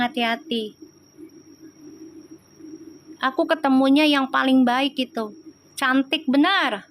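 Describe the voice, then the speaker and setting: A woman's voice: high-pitched, fairly bright tone, slight background noise. A woman with a Betawi Jakarta accent, chatting casually on a live stream as a tarot reader and talking straight to her viewers. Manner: chatty, talks straight to viewers by name, slangy.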